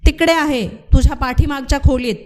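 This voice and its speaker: A woman voicing a proud, stubborn village landlord man who speaks in a sharp, shouting tone. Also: a little high, normal speed, lightly acted.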